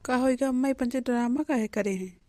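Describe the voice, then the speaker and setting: A woman's voice: high voice, fairly quick, darkish tone, no echo, studio quality, lightly acted. A woman voicing a confused, henpecked Awadhi husband. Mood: puzzled.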